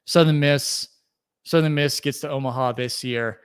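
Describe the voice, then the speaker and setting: A man's voice: mid-range voice, steady tone, moderate pace, clear, resonant tone. A young adult man hosting a solo sports podcast, talking casually and rambling through fillers and restarts as he thinks aloud. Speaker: podcast host.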